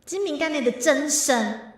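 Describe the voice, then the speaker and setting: A woman's voice: sits high, lively intonation, unhurried. A woman streamer with a Taiwanese Mandarin accent, chatting casually between songs and playfully pretending to be angry at her chat. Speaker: virtual streamer. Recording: roomy sound with faint backing music.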